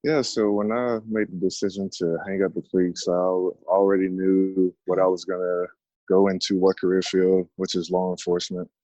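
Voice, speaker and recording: A man's voice: deep voice, level tone, dark tone, no room sound. Man on a glitchy breaking-up call. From Alabama, USA. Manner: unhurried, halting with fillers. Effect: glitchy, breaking-up video call audio. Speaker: interview guest. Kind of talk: casual interview. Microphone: video call. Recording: muffled, dry video call audio.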